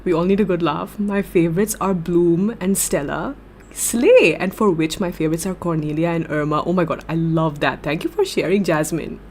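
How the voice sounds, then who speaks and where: A woman's voice: lowish voice, brisk, few pauses, a little hiss or hum. Giggly young woman streamer chatting. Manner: giggly, gushing and excitable. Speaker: livestreamer. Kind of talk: casual livestream chat reading viewer comments.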